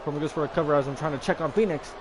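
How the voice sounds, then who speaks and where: Brief: slightly high-pitched man, casual gaming play-by-play, noisy desk mic setup. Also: rapid-fire. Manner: relaxed play-by-play wrestling commentary with fillers. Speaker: gaming video creator. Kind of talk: casual let's-play commentary.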